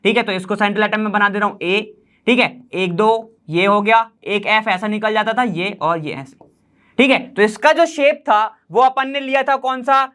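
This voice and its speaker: A man teaching a chemistry class in an online lecture, casual and chatty as he explains while drawing on a board, often checking whether students follow and slowly repeating key terms. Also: sits high, bright, forceful tone, smooth.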